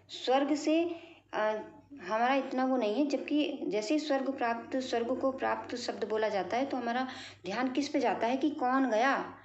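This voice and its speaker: A woman's voice: on the high side, a little mellow. Woman teacher, patient, repeats points for pupils; dull, roomy recording. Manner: explains slowly with repetition and questions to pupils. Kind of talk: classroom grammar lesson. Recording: echoey room, dull lo-fi sound.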